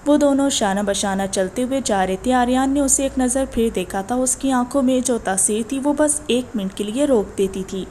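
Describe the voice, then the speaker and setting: A woman reading a romance novel aloud as an audiobook narrator, steady and expressive. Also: on the high side, few pauses, slight background noise.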